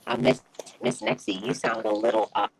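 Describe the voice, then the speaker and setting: A woman's voice: medium pitch, sing-song, moderate pace, creaky, slight background noise. Give me a woman sounding muffled, as if through a wall. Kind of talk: casual video call chat. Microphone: computer mic on a video call.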